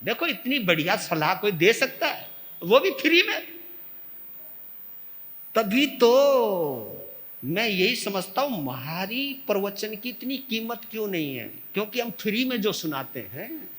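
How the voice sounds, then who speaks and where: Lively high-pitched man preaching in a hall. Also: moderate pace. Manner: lively, swings from loud to soft, acts out quarrels. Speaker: Jain monk giving a discourse. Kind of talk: sermon.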